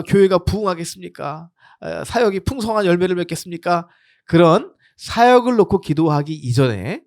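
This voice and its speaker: A male pastor with a fairly high voice and a lively, swinging pitch, recorded with a dry, close sound. He explains with rhetorical questions and leads blessings, stopping often to use fillers and correct himself. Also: no room sound. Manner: frequent fillers and self-corrections. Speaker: pastor and seminary teacher. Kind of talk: expository sermon to a congregation.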